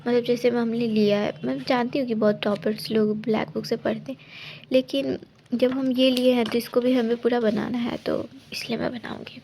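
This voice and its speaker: A young woman talks through her exam study plan in a casual vlog, with a somewhat high, gravelly voice. Her delivery stays flat and even, wandering and restarting as she advises viewers. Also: a little fast, slight background noise. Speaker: exam aspirant vlogger.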